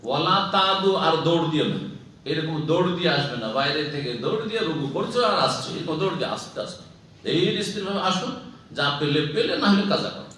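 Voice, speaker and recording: A man's voice: on the high side, expressive, fast talker, sharp tone. A man with a Bangladeshi Bengali accent, an Islamic scholar giving a lecture who explains points and quizzes his listeners. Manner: explanatory, asks the audience questions. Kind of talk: scholarly sermon to a live audience. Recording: echoey room, from far off, faint hum.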